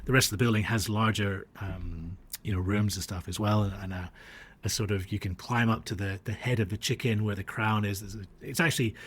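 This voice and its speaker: This man's voice is on the low side yet fairly bright, with a breathy edge, fairly even intonation and a slightly fast pace. A podcast guest born in Australia who grew up across the US and Dubai, he tells anecdotes reflectively and hesitantly, in a conversational style.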